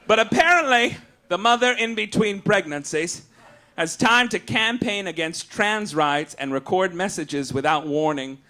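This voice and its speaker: A male comedian on a cabaret stage hosts a live show, reading satirical mock-official rulings to the audience. He sounds high-pitched, bright and forceful, unhurried but with lively intonation. His delivery is campy, arch and theatrical throughout.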